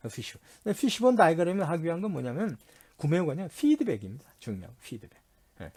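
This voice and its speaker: A man's voice: fairly high pitch, darkish tone. A male university lecturer reviewing course material, repeating and spelling out key terms and answering his own questions. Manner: repetitive, drills key terms, spells them out; mixes English terms into explanations.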